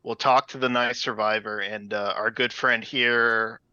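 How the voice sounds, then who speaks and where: Bright, forceful man in slightly dull audio. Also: medium pitch, fairly even intonation, measured pace, clean tone, no echo. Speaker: tabletop game player. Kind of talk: casual in-character table talk.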